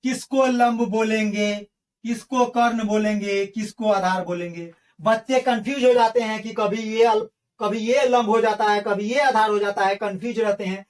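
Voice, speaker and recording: A woman's voice: mid-range voice, moderate pace, darkish tone, far from the mic. A woman teacher giving an online math lesson, who drills her students with call-and-response questions and calls them her friends. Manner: addresses viewers as friends.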